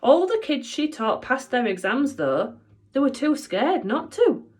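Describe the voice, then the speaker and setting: A woman teacher reading a children's book aloud, with expressive, playful storytelling. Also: sits high, a little slow, husky.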